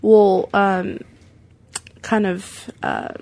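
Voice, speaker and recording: A woman co-hosting a podcast in casual chat, agreeable and hesitant, often pausing with "um" as she raises topics. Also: medium pitch, little pitch movement, a little mellow. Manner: agreeable, hesitant, many ums.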